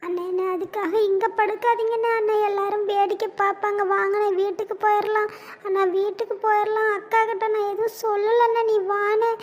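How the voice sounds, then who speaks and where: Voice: very high voice, level tone, fairly quick, a little hiss or hum. A performer voicing an anxious younger man who pleads with and consoles his elder brother in a cartoon drama. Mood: coaxing. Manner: pleading, fretful, repeating calls of brother.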